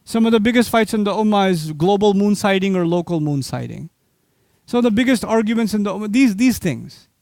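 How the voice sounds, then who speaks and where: Here a high-pitched Islamic lecturer from Pakistan addresses a live audience with lively religious talk built on self-answered rhetorical questions. He slips in fast asides and jumps in pitch on key points, and his voice carries some vocal fry. The sound is intimate and dry, with no echo.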